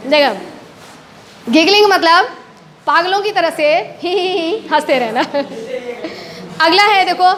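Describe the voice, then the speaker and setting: Lively Indian woman teacher in a classroom, very high-pitched, playful delivery. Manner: lively, playful, acts out laughs. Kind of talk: classroom lesson.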